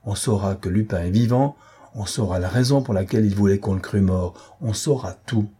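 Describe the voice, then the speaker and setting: A man's voice: on the low side, normal speed, warm tone, breathy edge. A man voicing a defiant, ardent young male journalist-detective in an audiobook reading.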